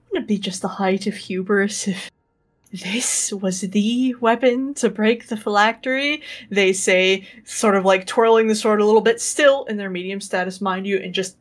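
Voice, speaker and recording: Halting, casual woman playing a tabletop game. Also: mid-range voice. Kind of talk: casual improvised game chat.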